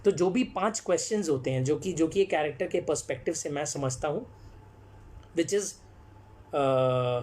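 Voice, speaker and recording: A man's voice: fairly high pitch, a little mellow. A man, a storyteller and actor, speaks as the guest on a live-stream talk. He explains his craft earnestly and answers viewers' comments, slipping English phrases in among his sentences.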